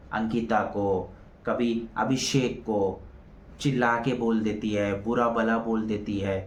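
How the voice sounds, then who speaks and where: A man's voice: medium pitch, a little hiss or hum. A young man giving casual, opinionated commentary as a reality show reviewer, often saying "theek hai" as he goes. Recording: roomy with faint ambience.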